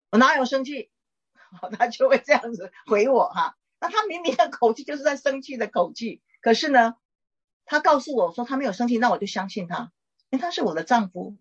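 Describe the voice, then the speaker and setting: A middle-aged woman, a pastor's wife, gently teaching and counseling a caller in a chatty way with small laughs. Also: on the high side, husky, lo-fi sound. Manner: warm conversational teaching, frequent "哈" tags and laughs.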